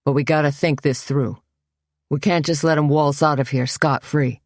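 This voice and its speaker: Lady reading as a slow gruff thug guy, low, menacing, dry close mic. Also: steady tone, no room sound.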